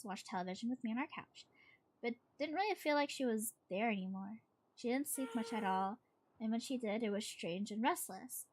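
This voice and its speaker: A woman reading a horror story aloud like a horror host, dramatic and suspenseful, with pauses and the odd stumble. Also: a little high, husky. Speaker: streamer reading horror stories to a live chat.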